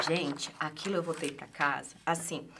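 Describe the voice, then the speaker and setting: A woman as a podcast guest, telling a personal story in a casual, expressive way and often tagging her sentences with a questioning 'right?'. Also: deep voice, normal speed, gravelly, very noisy.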